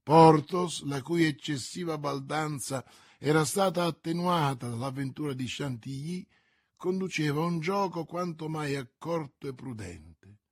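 A man narrating a classic novel aloud in a steady, measured storytelling manner. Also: on the high side, dry recording, studio quality. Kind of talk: audiobook reading of a classic novel.

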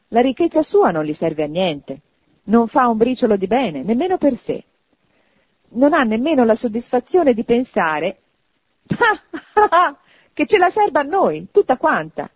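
A woman voicing a cheerful, hearty young man in a storybook reading, loud and animated. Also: a little high, moderate pace, breathy edge, dry recording, dull audio, pitched above the performer's own voice. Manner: loud exuberant laughter, animated.

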